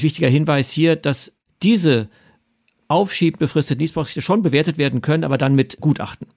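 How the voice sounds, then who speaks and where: A man hosting a podcast, explaining inheritance matters in a measured way with occasional fillers. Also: mid-range voice, a little mellow, no room sound, studio quality. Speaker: podcast host.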